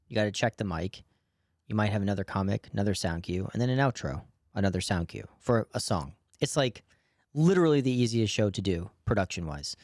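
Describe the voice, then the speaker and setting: A man in casual podcast chat, his voice rising and falling a lot as he tells tour stories. He laughs often and speaks at a middle pitch. The sound is dry and close, with no room in it. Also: brisk, no echo. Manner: animated storytelling, laughs often. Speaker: podcast co-host, stand-up comedian.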